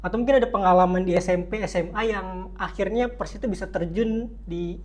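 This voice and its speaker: A young podcast host with a mid-range voice leads a casual campus interview. The host talks in a chatty, loosely strung style and keeps nodding along with quick acknowledgements. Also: medium pitch, darkish tone. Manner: chatty, loose phrasing, lots of short acknowledgements.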